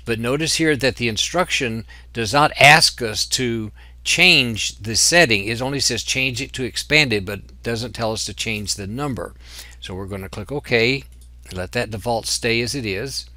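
Patient man with a bright voice. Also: mid-range voice, a little slow, no room sound. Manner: patient, step-by-step explaining. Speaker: software instructor. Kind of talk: screen-recorded tutorial walkthrough.

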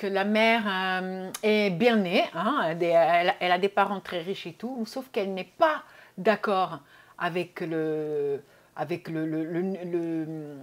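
A woman vlogging casually about her favourite series, chatty, with many hesitations and repeated words. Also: medium pitch. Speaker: YouTube vlogger. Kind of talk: casual series review vlog.

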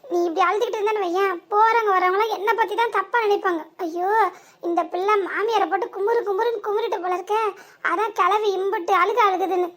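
Woman doing a squeaky, fiery daughter-in-law Sundari. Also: steady tone, quick pace, fairly bright tone. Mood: bitter. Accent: southern Tamil Nadu. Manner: ranting, dramatic. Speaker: cartoon voice. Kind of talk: village cartoon comedy.

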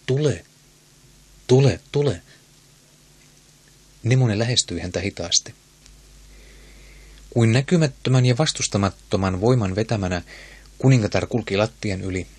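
A man narrating an audiobook in a steady, measured manner. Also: lowish voice, dry recording. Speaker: audiobook reader. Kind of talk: scripted narration.

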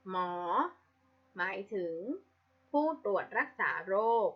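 A woman's voice: mid-range voice, expressive, takes it slowly, husky. A woman teacher giving a reading lesson to young pupils, patiently spelling out each sound. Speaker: primary school teacher. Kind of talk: slow, clear classroom reading lesson. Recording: slightly dull lo-fi audio.

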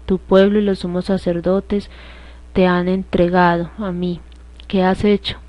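A woman reading the lines of a male Roman governor questioning a prisoner, in a calm, measured way. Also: lowish voice, dry recording, natural voice. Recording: dull lo-fi dry recording.

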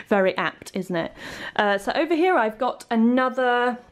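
Young woman, casual home tour vlog, chatty, playful, handheld camera, small indoor rooms. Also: measured pace. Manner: chatty and playful, with lively jumps up in pitch. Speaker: lifestyle vlogger giving a home tour. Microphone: handheld camera filming herself as she walks.

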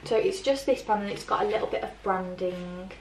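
A young British girl, a fashion vlogger, rambles brisk and chatty about clothes during a casual try-on haul, saying "like" constantly. Her mid-pitched voice has a darkish tone. The camera mic sits across a bare grey bedroom, so the sound is roomy and echoey, a bit off-mic, with faint ambience and a little hiss or hum.

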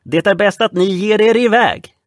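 A man voicing a frightened man shouting threats from hiding below deck in an audiobook. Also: sits high, no room sound, studio quality, pitched above the performer's own voice, natural voice.

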